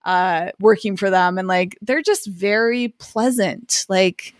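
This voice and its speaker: A woman co-hosting a podcast in a casual, chatty style, musing aloud with animated asides. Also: medium pitch, takes it slowly, no room sound, clean studio sound. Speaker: podcast co-host. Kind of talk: casual chat.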